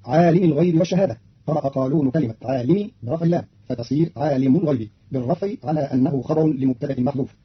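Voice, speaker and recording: Male radio presenter, formal explanatory delivery, slightly high voice, muffled archive recording. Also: husky. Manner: formal, explanatory, quotes verses in a slower voice. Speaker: radio announcer explaining recitation variants. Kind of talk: formal scripted radio commentary.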